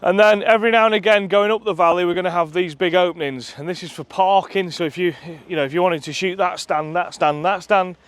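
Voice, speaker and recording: His voice sits high and smooth, brisk with hardly any pauses and fairly even intonation. The man chattily and enthusiastically tours his shooting ground for a companion filming on camera, saying lots of ums and puffing a little on the uphill walk, before heading inside a clubhouse.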